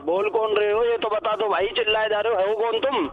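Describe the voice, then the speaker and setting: A man's voice: sits high, little pitch movement, a little fast. A man on a tinny phone line, confused by the caller and then going along with him. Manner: confused, then resigned and agreeable. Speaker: prank call target. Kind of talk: phone conversation.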